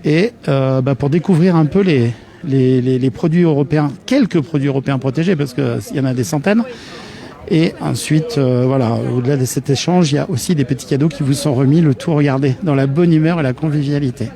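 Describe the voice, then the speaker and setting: A male host with a high voice interviews passers-by live at an outdoor market. He talks in a chatty, joking way and keeps restarting his sentences. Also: fairly quick, warm tone. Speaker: host of a local web TV channel.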